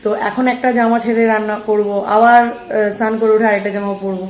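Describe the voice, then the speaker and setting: A woman's voice: mid-range voice, little pitch movement, fast talker, echoey room. A woman vlogger chatting casually to her viewers about her day at home. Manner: chatty, talks straight to viewers. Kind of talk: casual vlog chat.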